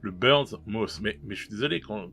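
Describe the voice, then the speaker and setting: A man's voice: fairly low pitch, normal speed, creaky, bright, forceful tone. A man casually reviewing paint colors, chatty and hesitant, with many fillers and restarts and self-mocking laughs at his own mistakes. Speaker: miniature painting youtuber.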